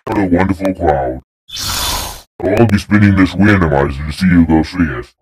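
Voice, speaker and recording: A man voicing a referee character in an amateur animation, calm and announcing. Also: sits low, moderate pace, soft background music, rough recording.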